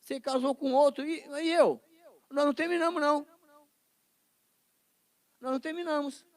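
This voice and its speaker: A man's voice: extremely high pitch, steady tone, moderate pace, voice pushed up. A man voicing a pleading ex-boyfriend who insists they never broke up, with a whiny, insistent manner. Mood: whining. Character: pleading jilted male ex-boyfriend.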